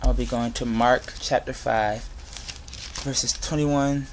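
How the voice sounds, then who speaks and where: A young adult man giving an informal sermon with Bible readings, speaking earnestly and a little haltingly. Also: mid-range voice, fairly even intonation, slight background noise, rough recording. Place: inside a garage. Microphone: device camera at close range.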